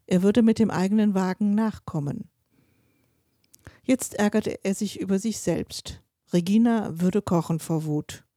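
A woman reading a dark short story aloud as its narrator, with expressive delivery that shifts pace with the tension. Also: medium pitch, unhurried, dry recording, clean studio sound.

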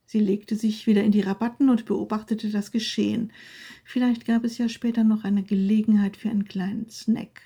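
Eine Frau liest eine Geschichte ruhig und gleichmäßig vor. Ihre Stimme ist warm und weich, ohne jede Helligkeit, mittlere Tonlage. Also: female voice, mid-range voice, little pitch movement, moderate pace, husky. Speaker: narrator. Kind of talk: read-aloud story.

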